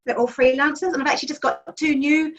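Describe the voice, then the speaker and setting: On a distant, dull lo-fi call from her home office, a New Zealand magazine editor chats enthusiastically through interview answers, saying um a lot. Her high voice moves fast with fairly even intonation.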